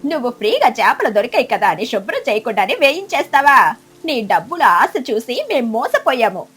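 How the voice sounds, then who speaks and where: Brief: woman voicing a bossy, high, bright-toned crane for a cartoon. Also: steady tone, a little fast. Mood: angry. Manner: loud, scolding. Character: stern scolding crane.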